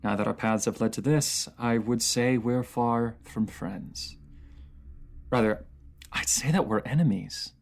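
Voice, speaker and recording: A voice actor, lightly acting in a mid-range voice, plays a bitter, wounded fantasy ruler in an emotional dramatic monologue. Halting, cold and accusing, he speaks directly to a single listener.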